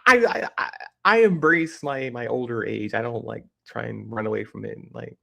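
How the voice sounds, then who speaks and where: A man's voice: medium pitch, normal speed, gravelly, fairly bright tone. A man in his forties giving casual, opinionated reaction commentary on a video, rambling and joking as he goes. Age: 40s.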